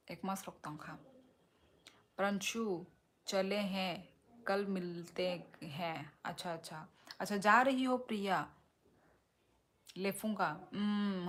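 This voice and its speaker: A woman with a medium-pitched voice hosts a casual live stream, reading out viewer comments and answering them in an unhurried, teasing way.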